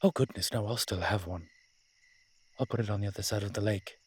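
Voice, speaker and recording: In this roleplay audio drama, a man voices a wry, flirtatious immortal incubus demon, his husky voice dry, teasing and conversational. He sits fairly low in pitch and moves briskly, with a slightly mellow tone and a musing, teasing mood.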